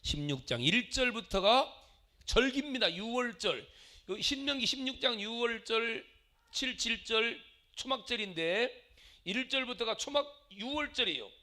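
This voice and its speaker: Middle-aged male preacher, theatrical and expressive, high voice with wide swings in pitch. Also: measured pace. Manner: dramatic, acts out quarrels and switches between loud and quiet. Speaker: pastor. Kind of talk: sermon.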